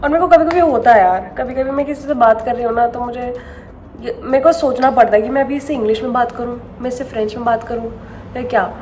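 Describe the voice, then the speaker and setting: A woman's voice: on the high side, quick pace, a little mellow, a little hiss or hum. A young woman from India chatting casually in a home vlog, mixing in English phrases and laughing often. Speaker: vlogger. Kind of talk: casual chat.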